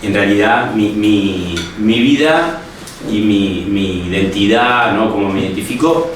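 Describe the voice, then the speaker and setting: A man's voice: on the low side, a little slow. A young man with a Uruguayan Spanish accent, a history student and teacher, speaking reflectively with many restarts and tag questions in a personal interview. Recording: echoey room, distant mic, faint noise.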